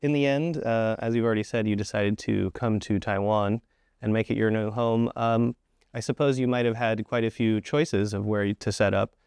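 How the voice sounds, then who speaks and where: A man's voice: fairly low pitch, fairly even intonation, normal speed, creaky, a little mellow, clean tone, dry recording, studio quality. A male host delivering a scripted news introduction and then interviewing a guest in a composed presenter manner.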